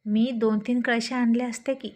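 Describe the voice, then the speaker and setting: A woman's voice: on the high side, little pitch movement, normal speed, darkish tone, close to an everyday voice. A woman doing a chatty, teasing young village woman.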